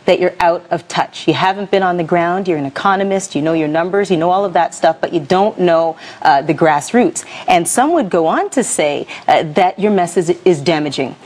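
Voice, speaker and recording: A woman's voice: fairly low pitch, normal speed, few pauses, darkish tone. A woman hosting a television morning show, asking probing, conversational questions of her guest.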